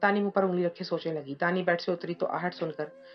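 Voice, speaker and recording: A woman narrating a romantic novel in a steady storytelling manner. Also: fairly low pitch, fairly quick. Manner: steady storytelling, reading all parts in her own voice. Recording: dull lo-fi audio with soft music behind.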